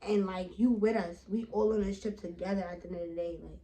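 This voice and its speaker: A woman's voice: medium pitch, steady tone, fairly quick, mellow, low-quality recording. A young woman, telling a trip story in slangy casual chat with many asides to viewers. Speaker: vlogger.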